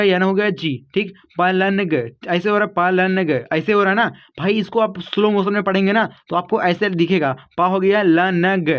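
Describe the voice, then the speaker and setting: Male teacher, high voice, patient step-by-step explaining, dull lo-fi sound. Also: smooth. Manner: patient step-by-step explaining, addresses viewers as kids and guys. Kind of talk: online spelling lesson.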